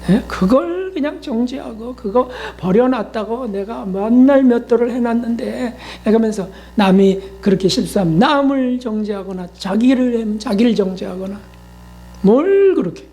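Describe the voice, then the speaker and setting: A man's voice: very high-pitched, moderate pace, few pauses, warm tone. A male pastor preaching a sermon in a conversational style, often asking the congregation questions and acting out quoted voices.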